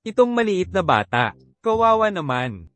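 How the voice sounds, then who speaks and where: A man's voice: high voice, sing-song, normal speed, a bit bright. A man playing a coaxing old grandfather. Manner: coaxing, talkative. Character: cheerful elderly grandfather, fussy and coaxing. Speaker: voice actor in Filipino dub. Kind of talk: dubbed drama acting. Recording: dub with music underneath.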